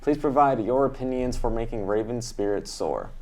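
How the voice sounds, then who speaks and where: A man's voice: medium pitch, normal speed, a little mellow. Upbeat teen boy co-anchor. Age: teens. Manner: upbeat reading with restarts. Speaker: student news co-anchor. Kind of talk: reading school announcements. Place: school studio.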